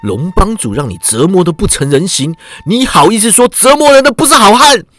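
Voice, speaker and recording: A man voicing a hot-blooded young swordsman hero who speaks loudly and sternly, often furious, in a wuxia story. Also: high-pitched, sing-song, a little fast, no room sound, clean studio sound, exaggerated voice. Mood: stern angry. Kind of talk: wuxia audiobook character voice.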